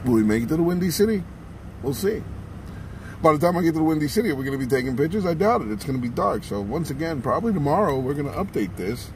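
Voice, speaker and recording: This vlogger's voice sits fairly high and swings widely in pitch as he talks quickly, with a slight hiss or hum on the recording. He's outdoors on windy town streets, chatty and wry, self-narrating a casual travel video even as he loses his voice, with music underneath.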